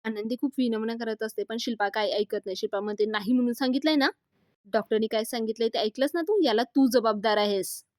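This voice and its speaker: A woman recaps a serial episode, lending the characters' quarrels dramatic emphasis. Her voice sits a little high, and the recording is dry and close with no room sound. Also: quick pace, few pauses, darkish tone, no room sound. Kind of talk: retelling a TV episode with acted dialogue.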